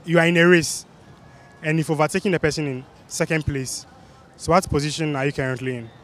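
Street quiz host: young man, West African Ghanaian accent, lightish higher voice, handheld mic outdoors. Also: fairly even intonation, fairly quick, slight background noise. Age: young adult. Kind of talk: street interview, repeated quiz questions. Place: busy outdoor spot under a city flyover. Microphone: handheld microphone.

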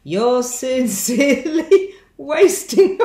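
A woman's voice: high voice, big pitch swings, extremely slow, mellow, reverberant. A woman of fifty, singing a song with joking asides in her home kitchen, recorded on a close-up home camera. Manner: jokey, breaks into song with asides. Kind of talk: playful singing and chat on a video call.

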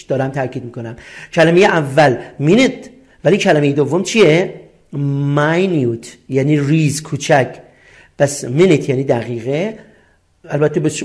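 Middle-aged guy teaching english w a persian accent, keeps asking then answering his own qs, a bit high voice. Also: a little mellow. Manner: explains step by step and asks and answers his own questions. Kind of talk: recorded classroom lesson.

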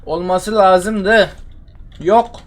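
A man's voice: sits high, very slow. A young man giving casual, exasperated commentary while playing a horror game, repeating himself and muttering complaints. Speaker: gamer streaming a horror game.

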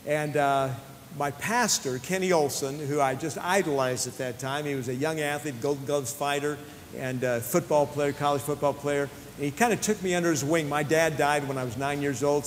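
A man with a slightly high voice speaks earnestly to athletes and weaves personal stories into a faith-based talk. He often restarts his phrases and leans on small fillers. The recording carries a long hall reverb and a faint low rumble underneath. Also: moderate pace.

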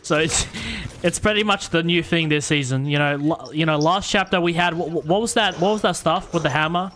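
A man's voice: a little high, a little fast, a bit bright. A man streaming a video game, chatting and joking with his teammates, often stumbling over his words and restarting. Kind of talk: casual gaming chat with teammates.

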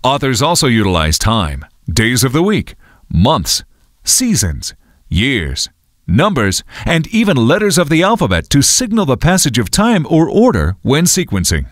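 Man narrating with swooping pitch. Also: wildly swooping pitch, measured pace, no echo, clean studio sound. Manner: explanatory, upbeat. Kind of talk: scripted educational narration.

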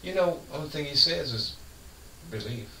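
A man's voice: fairly low pitch, lively intonation, normal speed, bright, forceful tone, distant mic. A middle-aged man hosting a radio show, talking about faith in a folksy, emphatic, preachy way and laughing often. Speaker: radio host. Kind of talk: casual faith talk. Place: radio studio. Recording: roomy studio, off-mic, faint hiss.

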